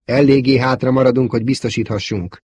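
A man's voice: medium pitch, steady tone, a little mellow, slightly rough, dry recording, voice pushed up, close to an everyday voice. A man voicing a cocky, teasing young male wingman pilot. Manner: joking.

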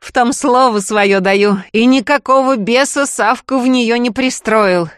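A woman voicing a fierce old village wise woman with a hoarse, strange voice in a storybook reading. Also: lowish voice, lively intonation, takes it slowly, no echo, studio quality. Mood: commanding.

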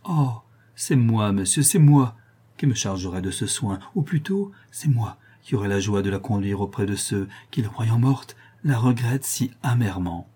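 A man's voice: on the low side, expressive, normal speed, mellow, breathy edge. A man voicing a fervent noble lady. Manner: fervent, pleading. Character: noble young woman, earnest and tender. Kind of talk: audiobook reading.

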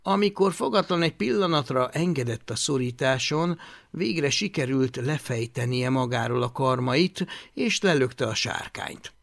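A man reading a children's fantasy audiobook aloud with expressive storytelling. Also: medium pitch, creaky, no room sound, studio quality. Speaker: audiobook reader. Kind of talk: audiobook narration.

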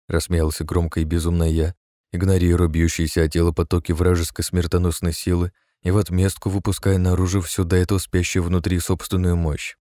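Male narrator doing a gleeful, bloodthirsty mage in an audiobook: mocking, raised and loud. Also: low-pitched, no room sound, studio quality, natural voice. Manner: mocking, then wild manic shouting. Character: arrogant, bloodthirsty male mage, mad glee.

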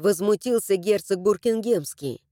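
A woman narrating a first-person fantasy audiobook in an expressive storytelling manner. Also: mid-range voice, unhurried, dry recording, clean studio sound.

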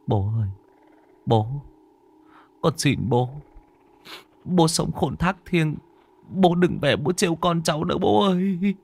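A man's voice: a little high, lively intonation, slow pace, vocal fry, pauses often, darkish tone, voice pushed up, exaggerated voice. A man voicing an anxious young father murmuring a pleading prayer in a narrated ghost story. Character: anxious young father praying to his dead father.

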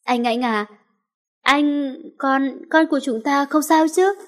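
A frightened young pregnant wife asks anxious, tearful questions, as a woman narrator puts her on. The voice sits high and pushes a little louder than the narration. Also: takes it slowly.

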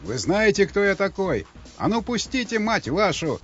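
Brief: a pompous bigwig demanding his way, voice raised high, read by a man, dull recording with faint music. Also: big pitch swings, normal speed, a bit bright. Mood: indignant. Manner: blustering, threatening. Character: arrogant well-dressed man, self-important. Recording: slightly muffled with faint music.

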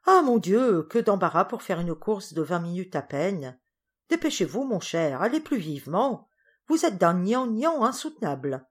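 Woman reading a fussy impatient lady, pitched up high, kinda shrill, scolding. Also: sing-song, moderate pace, slightly rough. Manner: high, loud, exclamatory.

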